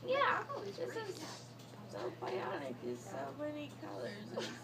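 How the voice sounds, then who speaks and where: A young woman groggy from anesthesia, rambling boastfully and casually in drawn-out words from a hospital bed. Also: sits high, wildly swooping pitch. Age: young adult. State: groggy from anesthesia after surgery. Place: small hospital recovery room, lying in bed. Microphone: handheld phone a short way off. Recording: noisy handheld phone recording.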